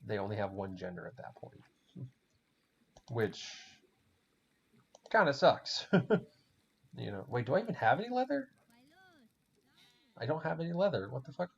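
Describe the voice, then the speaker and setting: A podcast host with a German accent chats casually while gaming, rambling, swearing and laughing a lot. His medium-pitched voice is gravelly and slightly rough, with big pitch swings, a moderate pace and frequent pauses, in a dull lo-fi recording with faint music.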